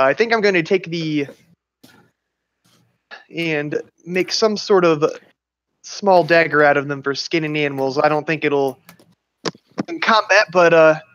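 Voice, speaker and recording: A man's voice: on the high side, fairly bright tone. A man playing a tabletop game casually, talking in a hesitant, upbeat way. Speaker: player. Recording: dull lo-fi mic.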